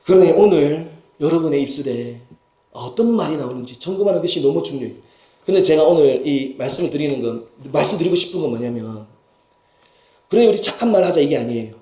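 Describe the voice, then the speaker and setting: In an echoey church sanctuary, a senior pastor delivers a Sunday sermon with emphasis, throwing rhetorical questions at the congregation. His voice is on the high side, mellow yet animated, and fairly quick.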